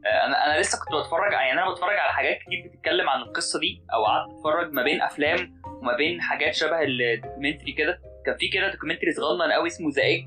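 A man's voice: fairly high pitch, racing, pushed and bright, soft background music, rough recording. A young man with an Egyptian Arabic accent, thinking aloud in a casual philosophical podcast chat, hesitant and musing. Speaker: podcast co-host.

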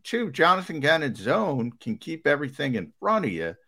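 A man's voice: fairly high pitch, sing-song, moderate pace, bright, forceful tone. A man hosting a sports talk show, asking his co-host questions in a searching, conversational way.

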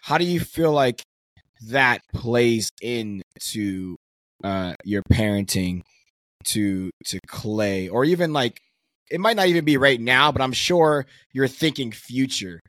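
A man's voice: medium pitch, slow pace, no room sound. A young man co-hosting a casual podcast, asking searching questions and hedging often as he talks. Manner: animated, asks searching questions, hedges with "like" and "I guess". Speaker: podcast co-host.

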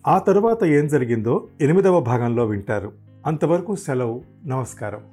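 A man narrating a dramatic novel in steady, scripted storytelling. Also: medium pitch, moderate pace, breathy edge, soft background music.

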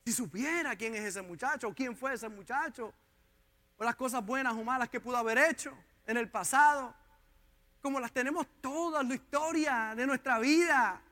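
A man's voice: very high voice, normal speed, bright, forceful tone. A man preaching as a pastor in a church, speaking straight to his congregation with passion. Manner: impassioned preaching, addressing the congregation directly. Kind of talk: sermon.

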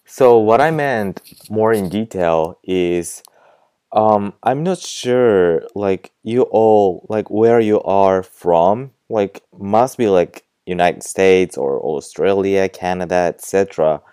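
Hosting a laid-back English lesson podcast, a young adult man whose native language is Japanese speaks with a Japanese accent in a low, smooth, mellow voice. The recording is close and dry with no room sound, and he talks slowly and chattily, leaning heavily on "like" and "you know."

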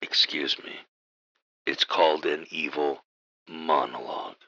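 A radio-play supervillain with a bottomless, hard-edged voice. He is pompous and easily exasperated, delivering slow theatrical menace in a close, dry, slightly dull recording. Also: very deep voice, fairly even intonation, gravelly, bright, forceful tone, heavily acted. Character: pompous, exasperated male villain mastermind of evil professorial henchmen. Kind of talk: comic radio drama acting.

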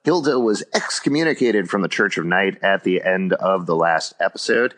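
Bright-voiced man co-hosting a podcast. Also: sits low, lively intonation, moderate pace. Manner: joking, rambling, laughs often. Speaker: podcast co-host. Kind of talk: casual podcast chat and episode recap.

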